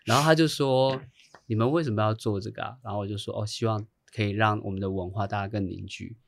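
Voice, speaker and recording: A man's voice: lowish voice, steady tone, fast talker, creaky. A man who works as a hairstylist tells a long story in a casual chat, acting out the voices of the people he quotes and laughing often. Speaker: guest.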